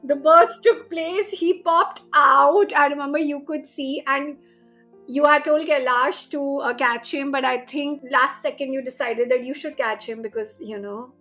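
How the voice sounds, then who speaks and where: Lively high-voiced woman. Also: measured pace, faint music behind. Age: 30s. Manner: animated, laughs often, mixes in Hindi phrases. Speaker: guest sharing her birth story. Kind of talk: casual conversational storytelling.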